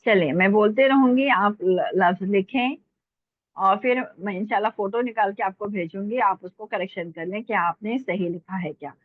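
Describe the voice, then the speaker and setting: A woman teaching an online Urdu class, patiently repeating words slowly for dictation. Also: medium pitch, dry recording, phone-quality sound. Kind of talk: online language lesson. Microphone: online call.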